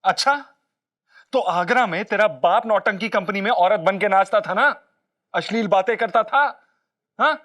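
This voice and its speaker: A man's voice: high voice, normal speed, bright, forceful tone. An actor in a sitcom playing a grown man who scolds his reckless friend and grumbles to himself about the trouble ahead. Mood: scolding. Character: exasperated male friend and co-schemer, scolding. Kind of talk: sitcom acting.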